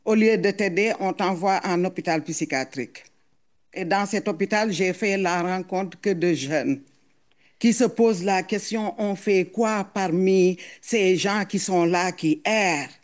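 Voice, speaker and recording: Accented middle-aged woman, slow earnest testimony, keeps repeating words while she looks for them. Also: mid-range voice. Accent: foreign accent in French. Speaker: mother giving public testimony. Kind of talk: emotional public testimony.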